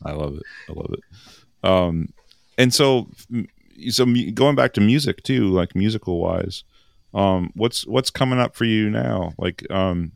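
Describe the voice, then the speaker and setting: A man's voice: fairly low pitch, expressive, unhurried, gravelly, dry recording, studio quality. A man hosting an interview podcast, enthusiastic and encouraging, laughing often. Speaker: podcast host. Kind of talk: casual interview chat.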